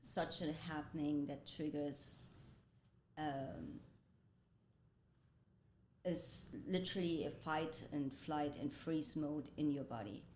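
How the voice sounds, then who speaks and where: As a guest in a conversation, a woman who grew up between Indonesia, Germany and the US reflectively tells her life story, often laughing softly. She speaks slowly with long pauses, and the room's echo comes through along with a faint rumble.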